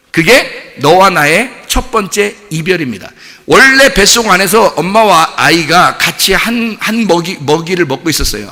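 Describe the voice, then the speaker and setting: Male pastor, sermon, rather high and very bright, lively storytelling, long hall reverb. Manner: animated, asks the congregation rhetorical questions; colloquial storytelling with vivid examples. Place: church sanctuary.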